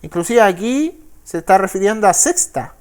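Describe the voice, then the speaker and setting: A man with a Chilean Spanish accent, a pastor teaching the Bible in a sermon. He reads verses slowly and keeps checking with listeners. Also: high voice, lively intonation, a little mellow. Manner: frequent tag questions, slow deliberate verse reading.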